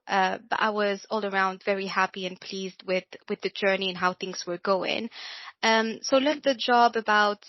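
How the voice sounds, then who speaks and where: Young woman raised in Morocco, English not her first language, relaxed hesitant interview guest, mid-pitched, muffled dry audio. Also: dry recording. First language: not English; works in French and Arabic. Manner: hesitant, many fillers and restarts. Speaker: guest, financial consultant. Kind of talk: casual interview chat. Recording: dull, lo-fi, dry sound.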